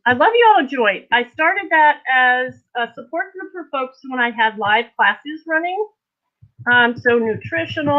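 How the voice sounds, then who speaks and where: High-voiced woman, rambling, on tinny audio. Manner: rambling, scattered, informal. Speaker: host, energy healer. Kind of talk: casual live-stream guided energy healing session. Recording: tinny, narrow phone-like audio.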